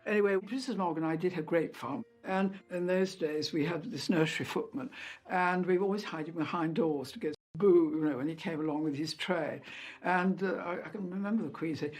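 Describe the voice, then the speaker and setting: An older woman in an interview, reminiscing in a chatty, anecdotal way with halting asides. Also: lowish voice, a little mellow, faint music behind. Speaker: interviewee, royal insider.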